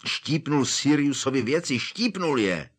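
A man's voice: mid-range voice, sing-song, breathy edge, pitched above the performer's own voice. A man voicing an angry teenage boy wizard who hurls accusations. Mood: furious. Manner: furious, shouting accusations.

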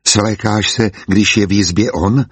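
A man reading a gentle, coaxing mother. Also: lowish voice, fairly even intonation, slightly rough, no room sound. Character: caring mother, adult woman, gently persuasive.

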